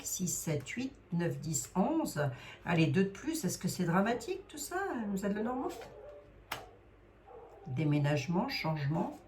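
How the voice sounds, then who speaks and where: A middle-aged woman with a Lorraine accent reads cards aloud, wandering and hesitant, tacking on little fillers as she goes. Her voice sits rather low. A faint hiss of background noise runs under the recording. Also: darkish tone. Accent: Lorraine French. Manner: rambling, hesitant, full of fillers like hein. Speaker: psychic card reader. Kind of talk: live card reading.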